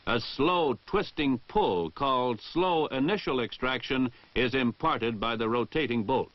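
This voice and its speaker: An American man with a mid-range voice gives formal, precise instructional narration in the style of a 1960 military training film, with measured enunciation. There is no echo, and the recording has the dull sound of a 1960 film soundtrack.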